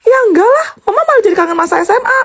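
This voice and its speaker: A woman voicing an excitable, doting middle-aged mother who speaks in a dramatic, gushing way. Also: very high voice, very fast.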